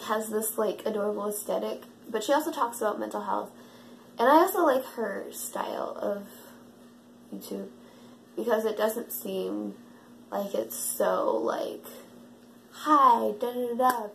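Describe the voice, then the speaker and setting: A woman's voice: mid-range voice, gravelly, a little hiss or hum, rough recording. A young woman vlogging in a casual, rambling way, full of fillers and self-mocking asides. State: out of breath. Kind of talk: casual chat to camera.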